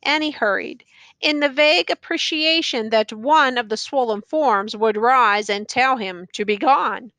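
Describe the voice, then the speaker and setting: A woman reads a classic novel aloud at an unhurried, deliberate pace, her voice bright and fairly high. The recording is close and dry, with no room sound. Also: no echo. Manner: slow, deliberate reading. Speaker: audiobook narrator. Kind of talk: scripted narration of a classic novel.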